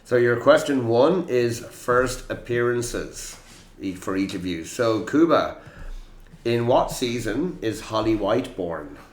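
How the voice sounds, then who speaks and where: A man's voice: medium pitch, expressive, echoey room. A man with an Irish accent hosting a quiz podcast, chatty and joking with his players. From Ireland. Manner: jokey, chatty, quick quips. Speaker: quiz host. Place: room in Prague.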